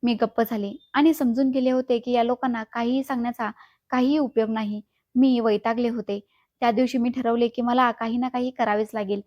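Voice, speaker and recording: A woman's voice: a little high, fairly even intonation, a little fast, dry recording, dull audio. A woman telling an emotional first-person story in an earnest, sorrowful narration.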